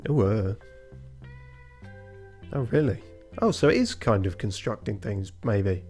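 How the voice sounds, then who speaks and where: A man's voice: on the low side, sing-song, measured pace, darkish tone, faint music behind. A man giving casual gameplay commentary as a streamer, with wry, joking asides. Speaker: video game streamer.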